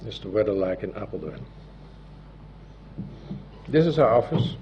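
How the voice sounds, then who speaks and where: A Dutch civil law notary from the Netherlands gives a formal presentation, partly read from a script, speaking deliberately and haltingly with a Dutch accent. His voice is fairly low yet very animated. The audio is dull and muffled, with loud background noise.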